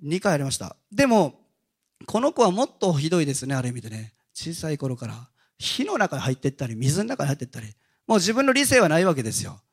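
A male pastor giving a Sunday sermon, telling stories in a casual, animated way. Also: a little high, fast talker, breathy edge. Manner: animated storytelling with casual asides.

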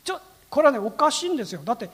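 High, husky-voiced male preacher in a hall. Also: rapid-fire. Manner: frequent "ne" tag questions, lively storytelling. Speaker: pastor. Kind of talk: sermon.

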